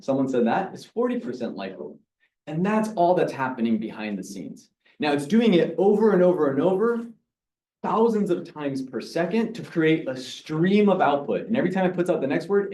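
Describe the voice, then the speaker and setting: A man gives a spirited talk to an audience, working through examples and throwing questions to the room. His voice is mellow and warm. The sound is roomy and picked up from some way off the mic. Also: a little high. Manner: energetic, explains with examples and asks the audience. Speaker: presenter. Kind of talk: live talk to a meeting audience. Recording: echoey room, mic from far off.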